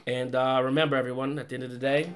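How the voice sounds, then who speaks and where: A young man from the Boston area hosting a podcast interview, relaxed and joking, often laughing and calling his guest man or bro. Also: mid-range voice, very fast, music in the background. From Mattapan, Boston area. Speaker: podcast host. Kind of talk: casual interview chat.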